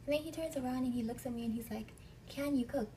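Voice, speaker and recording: Young woman, from Africa, chatty storyteller, mellow voice, mic at a distance. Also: fairly high pitch, very fast, slight background noise. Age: young adult. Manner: chatty, acts out the people she quotes. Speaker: vlogger. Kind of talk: storytime vlog.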